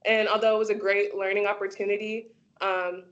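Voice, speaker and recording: A woman's voice: medium pitch, flat delivery, brisk. Young woman, student, chatty with lots of ums, a bit muffled on a call. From Georgia, USA. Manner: soft-spoken, frequent ums and likes. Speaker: optometry student. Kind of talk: webinar guest sharing experience. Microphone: video call.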